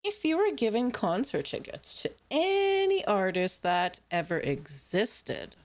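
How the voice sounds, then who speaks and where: A woman's voice: mid-range voice, a little slow. A woman hosting a casual interview stream, asking her guests questions. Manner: lively, asks questions. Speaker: stream host.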